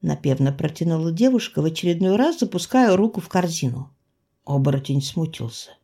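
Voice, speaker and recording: Mellow-voiced woman narrating a tale. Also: sits low, breathy edge. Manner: expressive storytelling, dramatic slowdowns. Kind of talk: audiobook fairy-tale narration.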